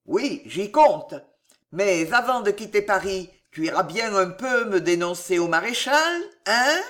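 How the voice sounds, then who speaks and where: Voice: mid-range voice, animated, unhurried, fairly bright tone. A reader voicing a cruel, sinister old miser uncle who mocks and threatens his nephew. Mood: menacing. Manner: mocking, menacing, laughs darkly.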